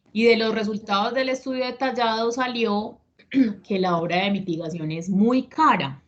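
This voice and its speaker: A woman, an instructor explaining a lesson in an online class and checking that her students follow. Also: on the high side. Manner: explanatory, checks understanding with questions. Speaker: instructor of a risk management course. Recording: dull lo-fi online call audio with faint noise.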